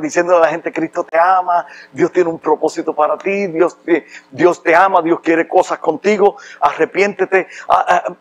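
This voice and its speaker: Impassioned pastor, high voice. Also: male voice, rough recording. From Puerto Rico. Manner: impassioned, rising to loud emphatic preaching. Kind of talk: sermon.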